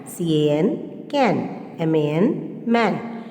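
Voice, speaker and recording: A woman teaching a phonics revision lesson to kindergarten children, slowly spelling out letters and then saying each word. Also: sits low, expressive, warm tone. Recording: echoey room with long reverb.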